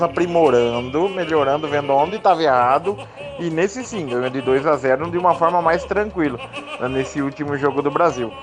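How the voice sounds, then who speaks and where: A Brazilian man chatting casually as a panelist on a sports radio show, repeating phrases for emphasis. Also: on the high side. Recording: music clearly behind the voice.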